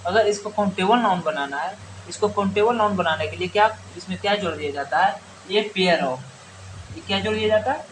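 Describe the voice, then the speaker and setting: Male tutor with a high voice, asks and answers himself, faint hiss behind. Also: fairly quick. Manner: repeats questions and answers them himself; many restarts and fillers. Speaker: teacher. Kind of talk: Hindi grammar lesson.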